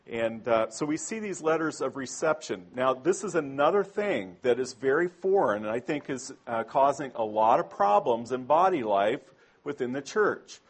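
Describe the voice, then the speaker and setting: A man's voice: mid-range voice, slightly rough. A man preaching a sermon to a congregation in a conversational way, often asking them questions.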